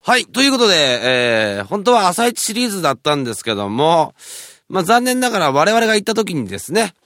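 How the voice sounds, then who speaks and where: A man's voice: high-pitched, very animated, quick pace, fairly bright tone, no echo, studio quality. A man hosting a radio show in a chatty, casual style.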